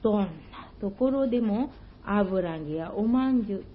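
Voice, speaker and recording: A woman voicing a crafty old male temple priest, explaining briskly and self-satisfied. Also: medium pitch, lively intonation, slight background noise, natural voice. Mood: smug. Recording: dull lo-fi recording.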